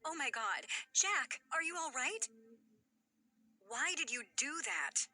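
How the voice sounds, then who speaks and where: A woman voicing a greedy, doting old wife in an animated story, cooing slowly and turning sharp when crossed. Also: high voice, exaggerated voice. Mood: angry.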